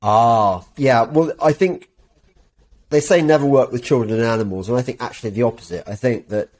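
Chatting and reading an advert on his podcast, the English host keeps things jokey and sarcastic. He speaks fairly quickly in a medium-pitched, darkish tone, with a roomy echo on the sound.

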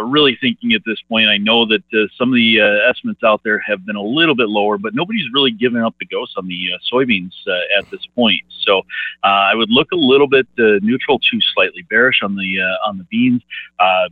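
A man speaking as a market analyst guest over a phone line, halting and full of "uh" fillers and restarts. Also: lowish voice, dry recording. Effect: heard over a phone line. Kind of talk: phone interview on farm markets. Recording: narrow dry phone line.

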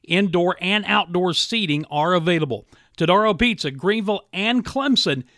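A man's voice: sits high, animated, normal speed, pushed and bright, no echo, studio quality. A man reading a scripted advertisement in a chipper, emphatic sales style as a radio host. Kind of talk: upbeat scripted advertisement read.

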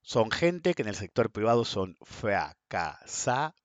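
A man's voice: fairly low pitch, very animated, unhurried, no room sound, dull audio. A man in his fifties with an Argentine accent, hosting a podcast and giving a blunt, sarcastic, swear-laden monologue. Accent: Argentine Spanish (Rioplatense). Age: 50s. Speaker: podcast host. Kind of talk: opinionated monologue.

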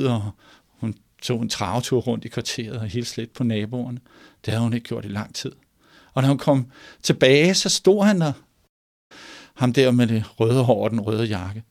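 Gravelly-voiced male storyteller. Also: mid-range voice. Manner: measured, pausing, shifts from hushed to emphatic. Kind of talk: oral storytelling.

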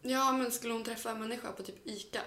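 A woman's voice: fairly high pitch, fairly even intonation, pushed and bright, roomy sound, slight background noise. A woman co-hosting a casual podcast chat, swearing freely and laughing often. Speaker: podcast co-host.

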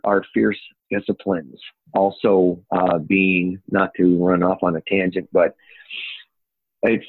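A middle-aged man with an Upper Peninsula Michigan accent, talking as an interview guest in a folksy, wordy, playful way over a phone-like connection. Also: deep voice. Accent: Upper Peninsula Michigan (Yooper). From Upper Michigan, United States. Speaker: interview guest, home inspection business owner. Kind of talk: conversational interview. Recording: echoey, narrow phone-like call audio.

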